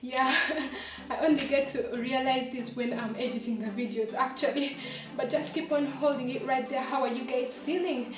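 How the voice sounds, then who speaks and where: A high-voiced woman coaches a home workout, counting reps aloud and cheering the listener on. She sounds a little away from the mic, in a roomy, echoing space with faint music underneath. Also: fairly even intonation, moderate pace, recorded from a distance. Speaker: fitness instructor.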